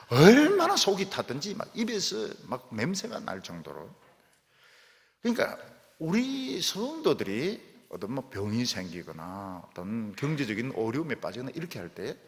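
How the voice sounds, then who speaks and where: A man preaching a sermon as a pastor, in an animated, dramatic storytelling manner, with long church hall reverb. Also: medium pitch. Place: church sanctuary.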